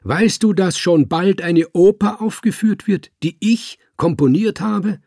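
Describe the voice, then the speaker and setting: A man voicing a boastful, tipsy poet and court judge who blusters and shouts his boasts, read with a husky, creaky voice. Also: sits low, big pitch swings, slow pace, no echo, clean studio sound, exaggerated voice. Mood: bragging loudly. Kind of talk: audiobook character voice.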